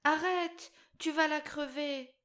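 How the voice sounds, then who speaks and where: A woman's voice: steady tone, takes it slowly, fairly bright tone. Woman doing an earnest little girl. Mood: pleading. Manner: pleading, high child's cries.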